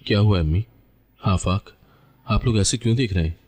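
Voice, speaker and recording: A man's voice: lowish voice, moderate pace, a little mellow, breathy edge. A man voicing a desperate young wife who pleads and cries out. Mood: pleading. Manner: pleading, crying out.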